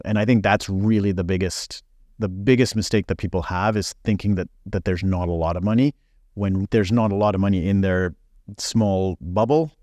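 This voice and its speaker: The podcast guest, a man in his forties born in Belgium, has a deep, dark-toned voice captured at studio quality with no room sound. He speaks frankly in casual interview chat, with many fillers.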